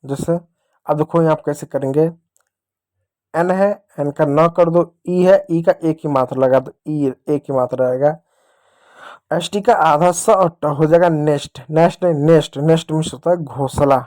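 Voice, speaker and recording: A man's voice: on the high side, unhurried, a little mellow. Patient Indian male phonics teacher. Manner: patient, repetitive, addresses children directly. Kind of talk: phonics lesson for children.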